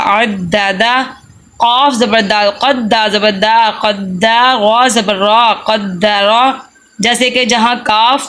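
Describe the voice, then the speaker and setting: A woman teaching a Quran reading lesson, spelling out letters and vowel marks slowly and repeating them. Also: on the high side, fairly bright tone. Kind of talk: slow syllable-by-syllable recitation lesson.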